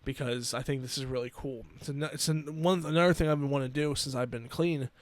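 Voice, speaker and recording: A man in his twenties hosting a solo podcast, earnest and emotional, talking haltingly with many restarts. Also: medium pitch, steady tone, no room sound. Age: 20s. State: emotional, near tears. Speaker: podcast host. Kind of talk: personal solo podcast talk.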